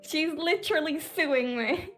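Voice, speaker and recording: A woman's voice: high voice, measured pace, a bit bright, soft background music. A woman playing her character in a game roleplay chat, dry, blunt and sweary, breaking into sudden laughs. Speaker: roleplay player.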